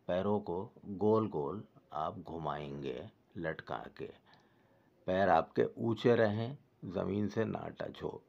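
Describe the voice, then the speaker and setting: A man calmly explaining knee exercises step by step, as a fitness instructor. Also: sits low, gravelly, dull audio. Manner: patient, repetitive step-by-step guidance.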